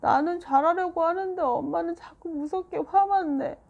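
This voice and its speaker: A woman's voice: extremely high pitch, normal speed, creaky, darkish tone, highs cut off, pitched above the performer's own voice. A woman reading a children's book aloud and voicing a hurt, sulky young girl who whines and cries. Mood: upset. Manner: whiny, tearful.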